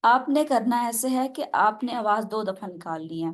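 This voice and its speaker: A woman runs an online tajweed class over a video call, walking her students through each rule step by step. Her voice sits fairly high, and she keeps asking questions to check that they follow. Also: lively intonation. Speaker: tajweed teacher.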